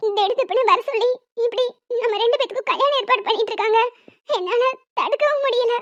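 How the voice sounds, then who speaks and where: A woman voicing an animated serial, speaking emotionally and pleading in a dramatic style. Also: extremely high pitch, quick pace, dull audio. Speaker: voice actor doing all roles of an animated serial. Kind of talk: dramatic cartoon voice acting.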